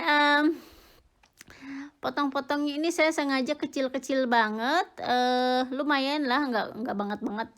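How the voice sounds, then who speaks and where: A middle-aged Indonesian woman with a high-sitting voice chats casually for her cooking vlog, giggling and using lots of fillers as she cooks in her home kitchen.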